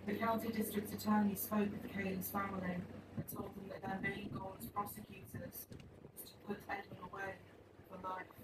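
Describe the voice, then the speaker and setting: A woman's voice: medium pitch, little pitch movement, moderate pace, heavy background noise. A woman reading a scripted true-crime narration, played from a video in a workshop. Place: video playing aloud in a workshop. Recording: far-off playback in an echoey room.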